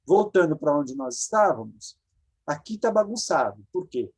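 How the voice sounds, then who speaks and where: A woman's voice: low-pitched, sing-song, moderate pace, a little mellow, husky. A Brazilian woman teaching a Hebrew grammar class over a video call, explaining patiently and repeating forms for her students. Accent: Brazilian Portuguese. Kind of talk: online grammar lecture.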